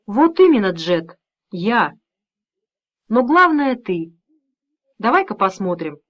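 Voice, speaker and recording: A calm, steely middle-aged father who speaks evenly and with quiet menace, as a woman reader gives him voice. The storybook reading has a slightly dull, lo-fi sound. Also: mid-range voice, slow. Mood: calm, firm.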